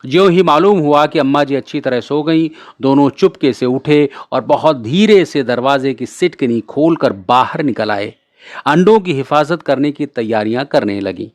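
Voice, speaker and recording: A man narrating a classic short story in a measured, clear reading voice. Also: medium pitch, lively intonation, no echo.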